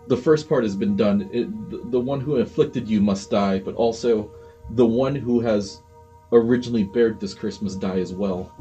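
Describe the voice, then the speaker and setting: A man's voice: lowish voice, warm tone, lo-fi sound, lightly acted. A man playing a hesitant, worried orphanage keeper. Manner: halting, hesitant speech with repeated words.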